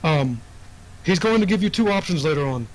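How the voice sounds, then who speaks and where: A frantic male messenger, put on by a man in a tabletop game, his voice leaping high as he hurries out pleading warnings. He sounds pressed for time and anxious. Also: expressive, brisk, lightly acted, poor audio. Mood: urgent.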